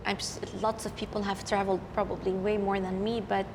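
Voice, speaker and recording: A middle-aged woman from Lebanon, a professional violinist, telling her story in an unhurried way with many fillers. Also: medium pitch, level tone, long reverb tail, noisy background. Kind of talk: casual interview chat.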